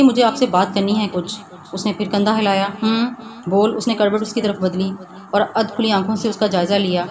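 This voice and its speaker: Woman narrating a novel over hiss. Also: mid-range voice. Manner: steady storytelling. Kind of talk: reading a romance novel aloud. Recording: noisy background hiss.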